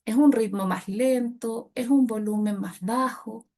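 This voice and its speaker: A middle-aged woman teaching public speaking to a group of women, shifting her loudness and pace to demonstrate. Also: on the high side, measured pace. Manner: expressive, demonstrates loud and soft delivery. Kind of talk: workshop talk to women.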